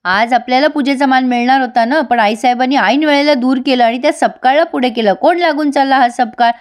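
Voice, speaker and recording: A woman's voice: brisk, natural voice. A woman doing Chitra, a bitter quarrelsome daughter-in-law. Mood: resentful. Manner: shrill, quarrelsome, sarcastic. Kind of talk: storytelling recap with acted dialogue.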